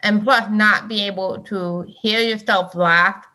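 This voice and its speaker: A woman guest on a podcast talking casually, halting and restarting often with many fillers. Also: mid-range voice, fairly even intonation, bright, forceful tone. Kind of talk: casual chat.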